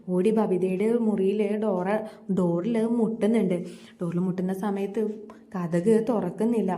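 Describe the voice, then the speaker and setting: Mellow-voiced woman retelling a serial. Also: medium pitch. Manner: steady reported-speech narration. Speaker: storyteller.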